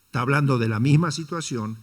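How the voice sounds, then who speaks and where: Un pastor con acento predica su sermón dominical con voz masculina de tono medio, hablando un poco rápido. Hace preguntas retóricas a la congregación, la llama "hermano" y cambia la entonación para dramatizar las citas.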